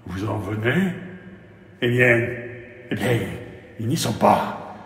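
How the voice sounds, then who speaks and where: A man's voice: fairly low pitch, lively intonation, slow pace, gravelly, a bit bright, voice pushed down, heavily acted. A man voicing a solemn angel who keeps a great book, grave and sighing, in a storybook reading with a long echoing hall sound. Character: solemn male angel keeping a ledger. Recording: echoey hall.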